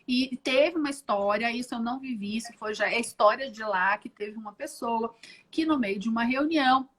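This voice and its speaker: Brazilian woman on a video call, slightly high voice, lots of fillers and restarts. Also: moderate pace. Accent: Brazilian Portuguese. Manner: chatty, many restarts and fillers, lively storytelling. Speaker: guest. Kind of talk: casual interview chat.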